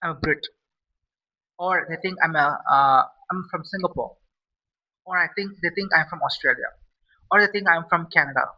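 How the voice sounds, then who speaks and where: A man's voice: fairly high pitch, normal speed, long pauses. A man giving a blunt, profane opinion rant, repeating himself as he talks. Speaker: vlogger. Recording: lo-fi and a bit far from the mic.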